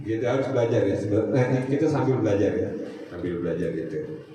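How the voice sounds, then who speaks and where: A man leads an evening study class, chatty and joking, dropping Arabic terms into street slang. His voice sounds distant in a very echoey room, with clear background hum. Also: lowish voice, animated, a little fast, dark tone. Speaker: religious teacher. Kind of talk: casual religious study class. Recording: echoey room, far from the mic, noisy.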